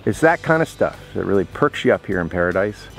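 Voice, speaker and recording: Low-voiced man chatting on a sailboat. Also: big pitch swings, brisk, gravelly, slight background noise. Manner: chatty, thinking aloud, muttering at the work. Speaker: sailing vlogger. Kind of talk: casual narration while working. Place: outdoors on a sailboat deck.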